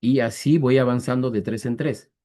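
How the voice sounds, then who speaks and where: A man teaching an online math class on a video call. He speaks patiently, checks often that students follow, and counts through examples slowly, step by step. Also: medium pitch, fairly even intonation, warm tone. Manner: patient, repetitive, checks understanding with "¿ya?"; slow, deliberate step-by-step counting.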